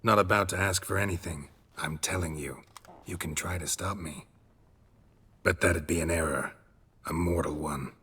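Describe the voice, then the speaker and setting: An actor playing a terse, grim monster hunter who speaks in curt, flat threats. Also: male voice, low-pitched, moderate pace, slightly rough, full character voice. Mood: menacing.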